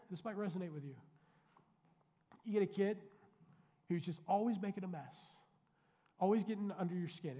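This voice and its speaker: A male pastor delivers a sermon in a relaxed, conversational way, turning to the congregation with quick asides. His voice sits somewhat high for a man. The sound rings with the long reverb of a church sanctuary.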